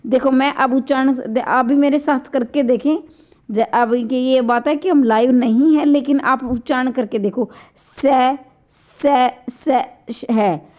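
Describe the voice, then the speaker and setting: A woman teaching a Hindi grammar lesson online, explaining step by step and saying each sound aloud, with a slightly sore throat. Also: high-pitched. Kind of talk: online exam-prep lecture.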